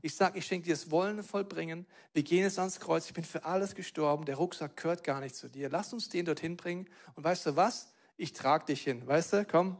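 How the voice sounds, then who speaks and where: A man voicing Jesus as a gentle, comforting man who quietly coaxes a listener along. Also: a little high, normal speed, pauses often. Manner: soft, coaxing, comforting.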